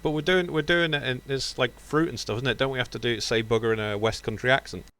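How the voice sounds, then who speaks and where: A man's voice: mid-range voice, fast, bright, forceful tone. A man chatting casually during a board game test, loosely offering suggestions. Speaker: game tester.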